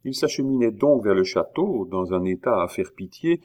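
A man with a very deep, low voice reads a historical novel aloud. His delivery is measured, with the odd hesitation between phrases. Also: expressive, a little mellow. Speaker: audiobook reader.

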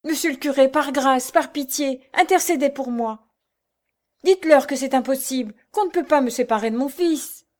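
A woman's voice: medium pitch, normal speed, dark tone, natural voice. A woman voicing a young mother wrongly arrested, speaking with impassioned, pleading fervor.

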